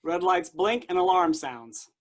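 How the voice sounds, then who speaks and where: Matter-of-fact game master, slightly high. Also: male voice, expressive, measured pace. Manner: dry, matter-of-fact scene narration. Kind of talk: narrating a tabletop game.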